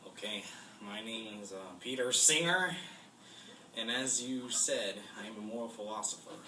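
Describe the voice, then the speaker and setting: A young man playing a calm male moral philosopher in a class-project mock debate, reading his lines a bit stiffly with some hesitations. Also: fairly low pitch, normal speed. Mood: plain. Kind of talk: amateur class-project role-play. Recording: echoey room, mic far off, noisy.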